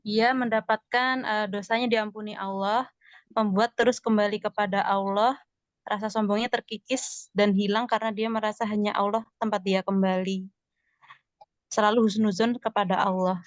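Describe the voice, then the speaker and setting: A woman's voice: mid-range voice, steady tone, normal speed, no echo. A woman in a study group reading her answers aloud. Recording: dull dry lo-fi recording.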